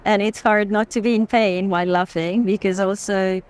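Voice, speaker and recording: Walking through a busy art fair hall, a female curator talks reflectively about art off the cuff, building long sentences phrase by phrase. She speaks at a normal speed in a smooth, steady, mid-range voice.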